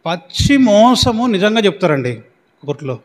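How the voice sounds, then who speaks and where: Male pastor with a high voice, preaching emphatically and quizzing his flock, church hall with long reverb. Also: big pitch swings, normal speed. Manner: preaching with questions to the congregation; repetitive, emphatic delivery. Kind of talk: sermon.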